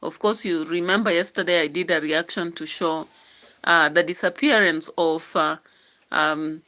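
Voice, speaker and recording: Kenyan woman doing a political commentary vlog, lowish voice, bright and punchy, lots of uhs. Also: fairly even intonation. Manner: chatty, musing aloud, pausing with fillers. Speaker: YouTube channel host.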